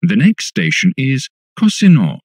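A man making recorded subway announcements, formal and deliberate in the way he announces stations. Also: mid-range voice, wildly swooping pitch, breathy edge, dry recording, clean studio sound. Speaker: English-language metro announcer.

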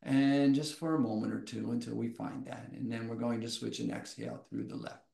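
A man teaching a yoga class, guiding breathwork in slow, soft, inviting phrases. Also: medium pitch, little pitch movement, vocal fry, roomy sound. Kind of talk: guided yoga breathwork instruction.

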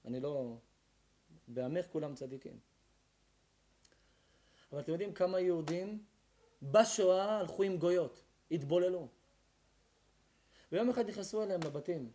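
A man, a rabbi, giving a sermon to a live audience, swinging from quiet talk to emphatic shouting. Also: high voice, expressive, long pauses.

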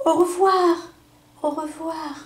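A woman's voice: sits high, lively intonation, slow pace, noisy background, pitched above the performer's own voice. A woman voicing a carefree, self-assured male butterfly in a storybook read-aloud. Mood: airy.

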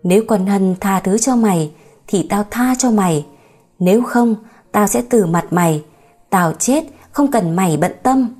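A woman's voice: medium pitch, expressive, measured pace, dark tone, faint music behind. A woman voicing a harsh, controlling old mother in an audiobook story, dramatic and scolding. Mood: weak.

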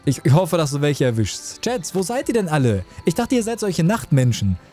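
Chatty male streamer, mellow tone. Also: fairly high pitch, very animated, normal speed, faint music behind. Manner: chatty, joking, reads out chat messages. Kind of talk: casual live-stream gameplay chat.

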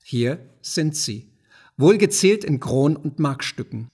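A canny, self-pleased senator from a classic storybook who addresses people in stiff old-fashioned forms, as a male audiobook reader does him. His voice is slightly husky at a middle pitch. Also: expressive, slow pace, darkish tone, full character voice. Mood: self-assured. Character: shrewd, self-satisfied old-style merchant senator.

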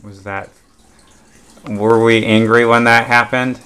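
A father at the breakfast table at home, gently asking his children encouraging questions, picked up by a home video camera on the table. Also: medium pitch, level tone, takes it slowly, clear, resonant tone. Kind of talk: casual family chat.

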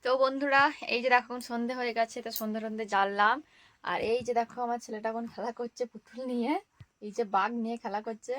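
A young woman from Bengal chats quickly through her daily vlog and speaks straight to her viewers as friends. Her voice is bright and fairly high. She fills the gaps with little fillers as she goes. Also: fairly even intonation. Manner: chatty, addresses viewers as friends, frequent fillers. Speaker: vlogger. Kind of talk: casual daily vlog narration.

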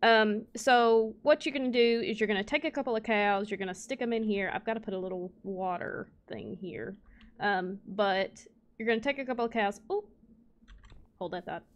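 A young woman hosting a gaming channel plays a casual let's play, chatting playfully with viewers and talking to the cows in her game with playful exclamations. Her voice is medium-pitched and her pace moderate.

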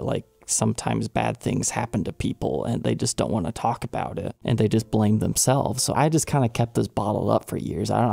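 Hosting his guitar channel, a man with a dark, gravelly voice pitched on the low side recounts a personal story in a storytelling vlog. He's animated and exasperated as he tells it, and the sound is dry and close.

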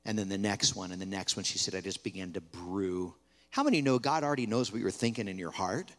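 A man preaching at an evening camp gathering, telling a story in a conversational way, sometimes dropping to a hushed retelling and sometimes rising with energy. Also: low-pitched, fairly quick. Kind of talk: sermon with storytelling. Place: large hall at a camp gathering. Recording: long hall reverb.

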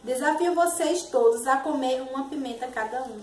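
Young Brazilian woman, high voice, casual challenge-vlog host, recorded away from the mic. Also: normal speed. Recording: roomy, distant mic, faint noise.

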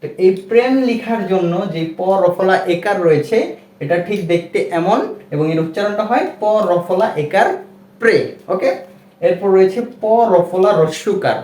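A man's voice: high voice, darkish tone, reverberant, a little hiss or hum. A man with a Bangladeshi Bengali accent teaching a reading lesson, patiently spelling out and repeating each sound.

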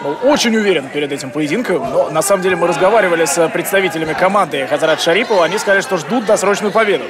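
A male fight commentator calls the action live. He talks quickly in a fairly high voice. A crowd is clearly audible behind him. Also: animated.

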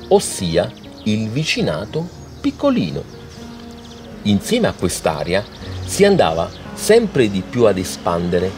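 A man's voice: low voice, darkish tone. A man narrating a documentary in an explanatory, storytelling way. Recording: music playing behind.

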